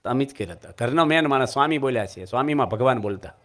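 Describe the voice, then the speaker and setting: A man's voice: medium pitch, lively intonation, very fast. A man with a Gujarati accent giving a religious discourse, telling anecdotes with humorous asides to his audience. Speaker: monk preacher.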